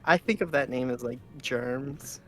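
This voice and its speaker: A man's voice: mid-range voice, measured pace. A man co-hosting a game stream, chatting casually and making dry remarks. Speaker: co-host streamer.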